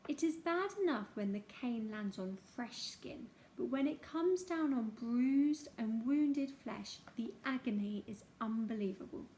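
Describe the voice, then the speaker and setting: A woman narrating a childhood memoir aloud in an expressive storytelling manner. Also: a little high, measured pace, hardly any pauses, a little hiss or hum.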